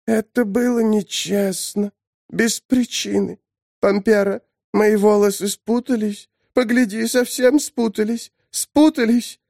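A dazed undead girl whines in a creaky voice pitched well above the reader's own, as a man puts her on. She sounds clingy and plaintive, an audiobook character in a dry, close recording. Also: fairly even intonation, slow pace, darkish tone, no echo, full character voice. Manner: whining, plaintive.

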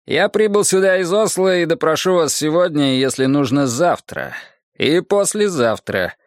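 A man's voice: a little high, animated, moderate pace, no echo, studio quality, pitched above the performer's own voice. A man voicing a stern police detective who speaks firmly and formally to a suspect, in a read-aloud story. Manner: firm, formal.

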